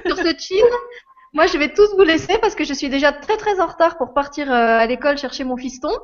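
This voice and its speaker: A woman's voice: high voice, quick pace. A woman co-hosting a workshop with casual, playful and jokey banter. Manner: informal, jokey. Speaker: workshop co-host. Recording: muffled, lo-fi audio.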